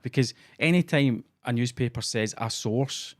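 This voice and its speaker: A man's voice: medium pitch, normal speed. A Scottish man co-hosting a podcast, telling sweary stories in a sardonic, casual way. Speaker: podcast co-host. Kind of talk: casual comedy chat.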